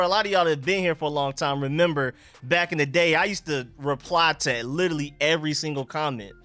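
Bright-voiced young man talking with a retainer in. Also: a little high, no room sound. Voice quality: slightly impeded speech from wearing a dental retainer. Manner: informal, slangy, repeats greetings and catchphrases. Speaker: sports livestream host. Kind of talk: casual livestream chat, greeting viewers.

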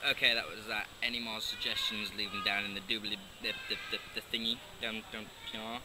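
A man's voice: on the low side, level tone, a little fast. A young man vlogging on holiday in a playful, slangy, casual way into a handheld camera. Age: teenager to young adult. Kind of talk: casual holiday vlog chat. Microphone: handheld camera at arm's length. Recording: noisy handheld camera audio with heavy background noise.

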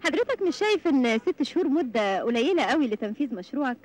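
A polite Egyptian TV reporter. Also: female voice, sits high, sing-song, fast, a little mellow, low-quality recording. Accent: Egyptian Arabic. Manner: polite, formal questioning. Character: polite female TV interviewer, persistent. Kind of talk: 1980s comedy film acting.

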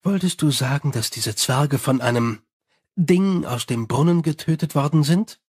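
A guarded werewolf sergeant woman, as a male audiobook reader puts her on talks curtly in a lowered, growling tone. Her voice is husky and set close in a dry space. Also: animated, measured pace, darkish tone, no room sound. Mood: curt suspicious. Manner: curt and growling. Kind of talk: audiobook character voice.

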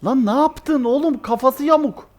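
A young man commentating his own football video game match live, excitable and exasperated, shouting at his players. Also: very high voice, moderate pace.

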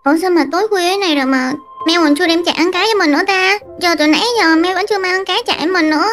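A woman's voice: very high voice, rapid-fire, fairly bright tone, soft background music. A woman voicing a meek, hardworking older sister in a game-made fairy tale, polite and whiny when upset. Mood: tearful.

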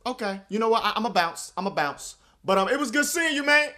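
A man voicing an entitled, cheeky cartoon fish customer in a comic skit, wheedling in repetitive, drawn-out sing-song. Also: sits high, expressive, bright, forceful tone. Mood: pleading, sing-song.

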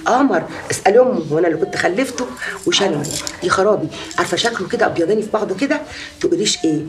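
A woman's voice: medium pitch, expressive, rapid-fire, lightly acted. An actress with an Egyptian accent playing a boastful, gossiping woman who has married many times. She tells her story in a chatty, exaggerating way. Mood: boasting. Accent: Egyptian Arabic.

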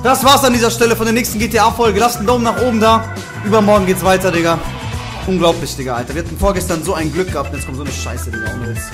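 A man's voice: high voice, racing. A man in his twenties talks through a game as a streamer. His delivery is casual and slangy with plenty of cursing, picked up by a close desk microphone, with music behind him. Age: 20s. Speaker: gaming streamer. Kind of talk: casual let's play commentary with slangy cursing. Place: small indoor room. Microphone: close desk microphone, headset worn.

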